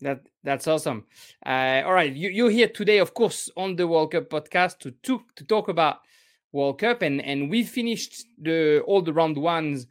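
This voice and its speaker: French guy hosting a football podcast, halting, lots of uhs, slightly high voice, dry sound. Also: expressive, dry recording. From France. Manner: halting, many restarts and fillers. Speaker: podcast host. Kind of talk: casual podcast chat.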